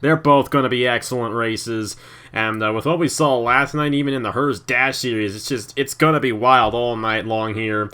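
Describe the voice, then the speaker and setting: Bright-voiced upbeat racing announcer man. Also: mid-range voice, clean tone. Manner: upbeat, teasing, talks quickly. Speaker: play-by-play commentator. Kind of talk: sim racing commentary.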